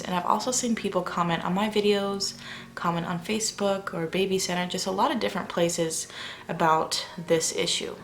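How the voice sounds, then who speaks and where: A young adult woman vlogging at home late at night, talking in a chatty, rambling way and keeping her voice down while her family sleeps. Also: lowish voice. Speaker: parenting vlogger. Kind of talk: casual talk to camera. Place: house at night, family asleep.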